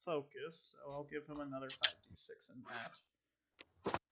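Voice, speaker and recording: A man running a tabletop role-playing game as game master, thinking aloud in an unhurried way. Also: fairly high pitch, steady tone, heavy background noise.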